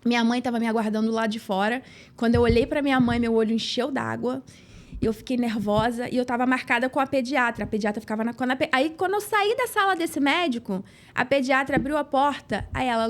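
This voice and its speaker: A woman's voice: on the high side, quick pace. Earnest Rio-woman telling her story. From São Gonçalo, Rio de Janeiro state, Brazil. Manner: acts out dialogue, earnest and emotional. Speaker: podcast guest. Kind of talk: personal storytelling.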